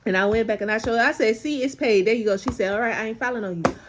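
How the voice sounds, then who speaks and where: Racing along in a slightly high voice against a noisy background, a woman gives her faith testimony as a vlogger. The telling is casual and emotional; she's close to tears and repeats phrases for emphasis.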